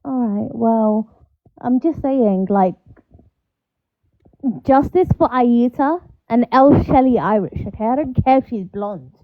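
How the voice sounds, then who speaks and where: A woman's voice: on the high side, slow pace. A woman talking bluntly and swearing in a casual group chat on a live stream, her voice muffled by a covered mic, as if heard through a wall. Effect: muffled, as if heard through a wall or underwater. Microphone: covered microphone. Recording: muffled phone-like sound.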